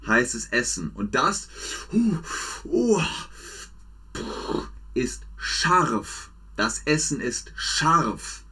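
A man teaching German to a live chat, drilling words slowly and playfully, with big pitch swings. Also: breathy edge. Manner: slow, repetitive, exaggerated drills with lively pitch swings. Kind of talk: slow, playful language lesson for learners.

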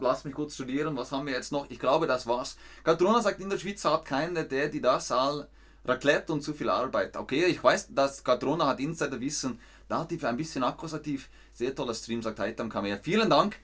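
A man's voice: mid-range voice, a bit bright. A man hosting a live German lesson stream, reading viewer comments and quiz questions and cheerfully praising answers. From not from Switzerland. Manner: upbeat, praises viewers often. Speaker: German-teaching livestream host.

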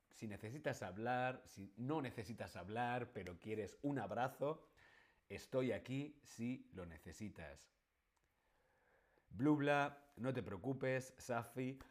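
Hoarse male teacher, unhurried and lowish, patient repeats for learners. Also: bright, forceful tone. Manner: slow, repeats phrases for learners. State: sore throat, coughing. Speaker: language teacher. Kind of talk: live online language lesson.

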